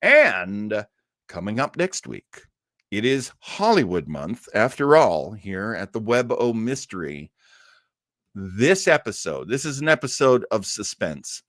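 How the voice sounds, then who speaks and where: Speaking slowly with big swings in pitch, this man has a low, fairly bright voice captured in a dry, clean studio recording. As host of a livestream on old-time radio, he rambles enthusiastically to his viewers and adds playful asides.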